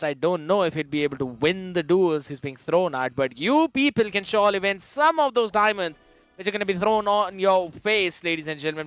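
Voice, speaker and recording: A man's voice: high voice, fairly bright tone, clean tone, no echo. A man giving casual color commentary and analysis on a mobile esports match, slangy and chatty.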